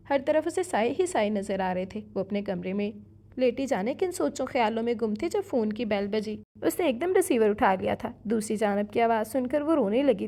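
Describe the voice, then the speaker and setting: A woman narrating a romance novel aloud in a steady, even storytelling manner. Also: on the high side.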